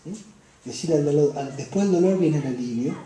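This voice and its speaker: Woman, Rioplatense accent, preaching, impassioned, very dark warm tone, roomy echo. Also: sits low, animated, brisk. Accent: Rioplatense Spanish. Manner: impassioned, swings between soft hushed phrases and raised emphatic ones. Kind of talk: sermon. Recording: echoey room.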